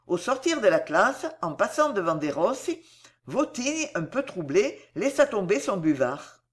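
A narrator reading a classic novel aloud with expressive delivery. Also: medium pitch, unhurried.

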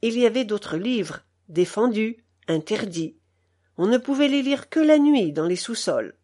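A woman narrating a novel in a measured, expressive reading style. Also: fairly high pitch. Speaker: audiobook narrator. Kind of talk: scripted literary narration.

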